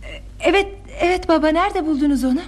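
A young actress playing a calm, playfully confident daughter in a classic radio play. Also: female voice, high voice, fast talker, close to an everyday voice. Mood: eager, polite. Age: young adult. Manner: calm, teasing, self-assured. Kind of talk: 1960s Turkish radio theatre acting.

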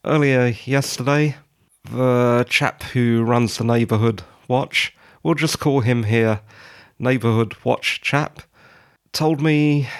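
Casting: British male podcast host, croaky morning voice, unhurried pace, wry and wordy informal monologue. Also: mid-range voice. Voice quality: croaky, froggy just-woken voice. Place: quiet study at home.

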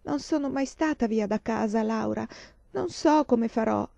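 A woman reading the lines of a gentle blind teenage girl about to leave home, softly and wistfully. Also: a little high, unhurried, vocal fry, no echo. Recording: dull lo-fi dry recording.

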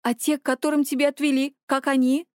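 Woman voicing a slow, bewildered teen boy, high-pitched, dry sound. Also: little pitch movement, no echo, natural voice. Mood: dazed. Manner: sluggish, bewildered.

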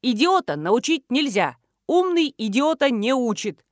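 A scornful adult raven from an audiobook, as a woman narrator puts him on, snapping out short insults. The voice swings lively up and down and sits dry and close. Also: high voice, measured pace, no echo. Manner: curt repeated squawked insults. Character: rude talking adult raven, blunt.

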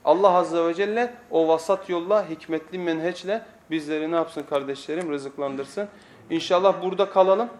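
High-pitched man preaching emphatically. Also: normal speed. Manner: emphatic, repeats phrases, rhetorical questions answered himself. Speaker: preacher giving a weekly religious lesson. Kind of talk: sermon, Islamic religious lecture.

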